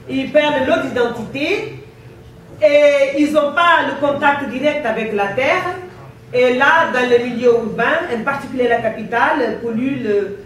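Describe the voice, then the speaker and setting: A woman from Guinea-Bissau with a foreign accent in her French, giving a conference talk in a deliberate, emphatic way with repeated phrases. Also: sits high. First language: not French. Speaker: conference presenter. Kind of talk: impassioned public talk in French as a second language. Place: indoor conference room. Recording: very echoey hall, distant mic, faint noise.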